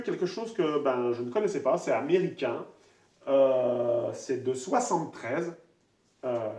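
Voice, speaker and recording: A man casually presenting his vinyl records one by one, talking in a relaxed, halting way with many fillers. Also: mid-range voice. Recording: roomy echo, voice a bit far from the mic.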